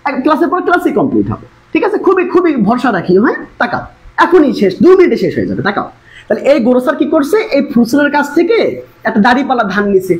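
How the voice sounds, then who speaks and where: A woman's voice: high-pitched, sing-song, low-quality recording. A woman English tutor teaching an exam-prep lesson, coaxing the students to look and follow along. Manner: fast, coaxing, repeatedly urging students to look.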